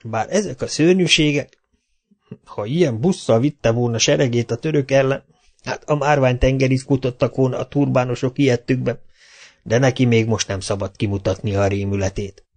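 A man reading a children's storybook aloud in a lively, expressive narration. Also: mid-range voice. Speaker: audiobook reader.

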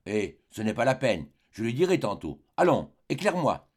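A man's voice: medium pitch, sing-song, moderate pace, breathy edge. A man voicing a desperate young woman. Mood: commanding. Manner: urgent, hushed commands.

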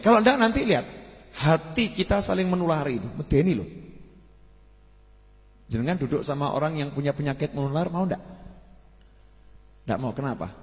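A man's voice: mid-range voice, darkish tone, long reverb tail. A man preaching a sermon to a gathering, talking casually and asking the audience questions. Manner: conversational, asks the audience questions. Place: mosque study gathering.

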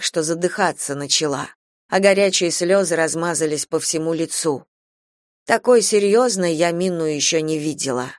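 A man reading a first-person literary novel aloud as an audiobook, in an even, measured way. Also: on the high side, no room sound, clean studio sound. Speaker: audiobook reader.

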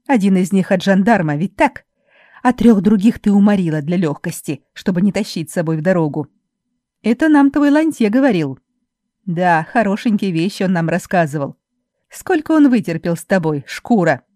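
A woman voicing a spiteful young laundress who loudly taunts and mocks her rival in an audiobook. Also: expressive, moderate pace, no echo, clean studio sound, close to an everyday voice. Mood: jeering. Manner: loud, mocking, shrill taunting.

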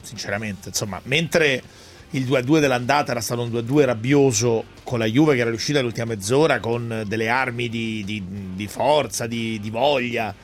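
A man with an Italian accent hosting a casual football radio chat, halting and repeating words as he searches. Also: mid-range voice, faint music behind. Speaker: radio sports show host.

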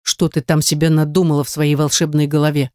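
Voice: mid-range voice, level tone, a little fast, a little mellow, no room sound, clean studio sound, lightly acted. A narrator voicing a hot-tempered young man who growls commands in an audiobook. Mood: angry. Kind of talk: audiobook dialogue.

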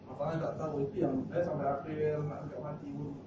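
A man's voice: fairly high pitch, flat delivery, fast. A man giving a mosque lecture in a chatty, storytelling manner, often checking in with the audience. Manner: conversational, with frequent fillers and questions to the audience. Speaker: religious teacher. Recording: echoey hall, distant mic, dull lo-fi sound with hiss.

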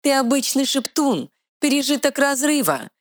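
A woman voicing a tiny, sharp-tongued female fairy guardian with quick retorts, in a dry close recording. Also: sits high, very animated, no echo, pitched above the performer's own voice. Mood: feisty.

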